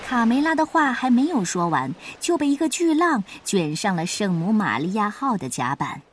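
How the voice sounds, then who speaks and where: A woman narrating a children's story in an expressive, lively way. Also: mid-range voice, moderate pace, slight background noise.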